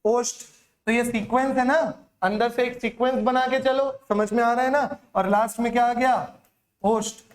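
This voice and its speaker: A man's voice: very high-pitched, steady tone, normal speed, reverberant. A male Hindi teacher giving an exam-prep lecture, drilling students by asking questions and answering them himself.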